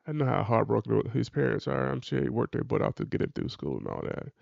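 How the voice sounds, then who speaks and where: A man's voice: medium pitch, big pitch swings, quick pace, vocal fry, darkish tone, no echo, dull audio. A man giving casual, colloquial reaction commentary in an exasperated, preachy way.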